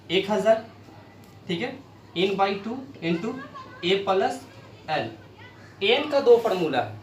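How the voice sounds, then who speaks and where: A man teaching a maths lesson, asking questions and answering them himself as he works problems on a board. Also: high-pitched. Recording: echoey room, mic far off, faint noise.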